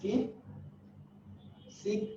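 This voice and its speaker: A man's voice: extremely slow, warm tone, slight background noise. A man teaching an English lesson online, repeating each point and quizzing his listeners again and again. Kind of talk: online lecture. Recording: echoey, muffled, from afar.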